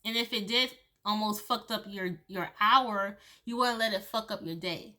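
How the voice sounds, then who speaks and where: A woman's voice: mid-range voice, moderate pace, sharp tone. A woman giving a loose, chatty tarot reading, swearing freely and laughing between thoughts. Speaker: tarot reader. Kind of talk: casual tarot reading monologue.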